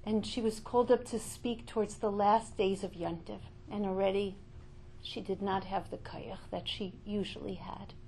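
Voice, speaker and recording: A middle-aged woman giving an inspirational Torah talk, passionate, rising to loud calls and falling to hushed, slow reflection. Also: medium pitch, steady tone, creaky, slight background noise, rough recording. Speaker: religious speaker.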